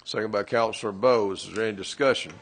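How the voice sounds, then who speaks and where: A man's voice: on the low side, quick pace. A man presiding over a city council meeting, formal and procedural as he calls votes and invites comments. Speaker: council chair.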